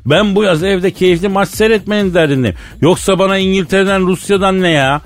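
Male comedy host, mock-preachy banter, a bit high-pitched. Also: a little fast. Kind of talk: joking banter sketch.

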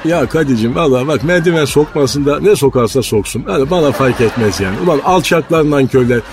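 A man's voice: mid-range voice, lively intonation, quick pace, background noise, natural voice. A man playing a blustering club president. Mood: ranting. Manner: rambling boastful storytelling, ranting insults. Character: blustering male football club president, boastful and hot-tempered. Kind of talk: radio comedy sketch.

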